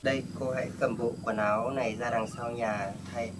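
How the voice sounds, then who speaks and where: A man acting in a staged rural drama, speaking in a plain, steady, reassuring way. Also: mid-range voice, a little fast, heavy background noise. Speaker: vlogger playing the rescuer.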